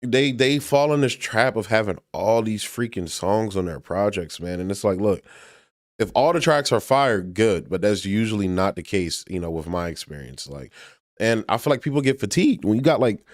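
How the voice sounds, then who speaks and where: A man's voice: on the low side, expressive, normal speed, dry recording, clean studio sound. A man reacting to and reviewing music in a casual, slangy way, full of fillers. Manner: laid-back and slangy, heavy with fillers.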